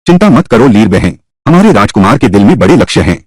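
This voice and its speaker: A man dubbing a historical costume drama, voicing many characters in a lively, shifting way. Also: lowish voice, quick pace, breathy edge, no echo, studio quality. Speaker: dubbing narrator voicing all roles. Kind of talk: Hindi dub of a historical drama.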